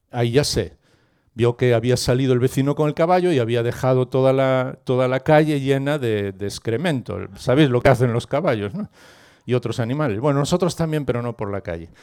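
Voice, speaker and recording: A man's voice: mid-range voice, clean tone. Middle aged guy from preaching, chatty storyteller, throws questions at the crowd. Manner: lively storyteller who asks the listeners questions. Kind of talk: sermon with storytelling.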